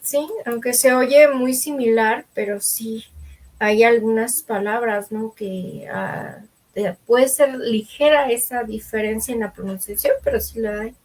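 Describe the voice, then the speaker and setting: A woman hosting a live stream in casual chat, softly agreeing and reading out viewer comments. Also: fairly high pitch, unhurried, low-quality recording. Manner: soft, agreeable, frequent affirmations.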